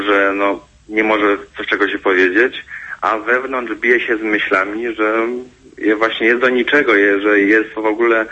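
A man speaks as a guest expert in a radio interview, explaining things in a measured way. His voice is low but bright and forward. The sound is dull, like a radio broadcast.

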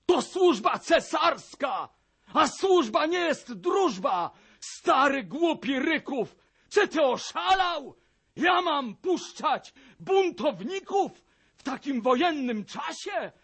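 An actor playing a blustering Russian army major who shouts, mocks and boasts in a radio drama. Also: male voice, very high-pitched, sing-song, slow, heavily acted. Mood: furious. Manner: shouting, mocking, boastful ranting.

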